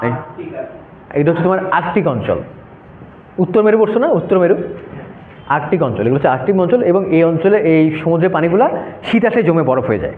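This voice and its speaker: A man's voice: a little high, big pitch swings, fast, long pauses, a little hiss or hum. A young man giving an informal classroom lecture, talking students through a map and often checking "okay?". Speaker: debate workshop instructor. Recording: echoey room, phone-like narrow sound.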